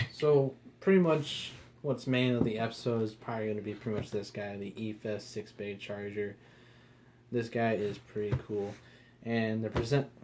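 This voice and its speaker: A man's voice: fairly low pitch, a little mellow, a little hiss or hum. A man giving a casual, rambling product review, swearing now and then.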